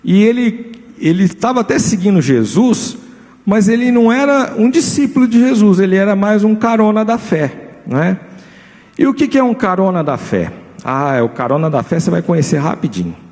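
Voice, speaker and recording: A Brazilian man preaching a sermon as pastor, his voice sitting a little high for a man. He keeps turning to the congregation with quick rhetorical questions. The sound carries a long hall reverb from the church. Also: sing-song, a little mellow. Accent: Brazilian Portuguese.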